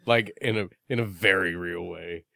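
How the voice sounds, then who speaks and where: A man's voice: low voice, normal speed, creaky, sharp tone. A man co-hosting a podcast in casual chat, joking, teasing and swearing casually. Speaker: podcast co-host.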